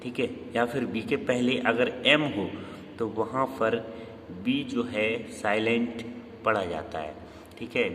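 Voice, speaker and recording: A man's voice: on the low side, a bit bright, a little hiss or hum. A man with a Hindi accent teaching an English pronunciation lesson over a screen, repeating words and quizzing the viewers with questions he answers himself, stressing each correction. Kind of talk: screen-based grammar lesson. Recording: echoey room with long reverb.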